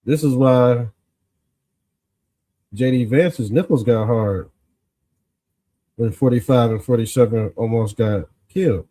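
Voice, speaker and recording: A man with a mellow, medium-pitched voice hosts an informal political commentary show. He talks in a folksy street style, stretching words for emphasis with a smug, sarcastic, exposé-like manner.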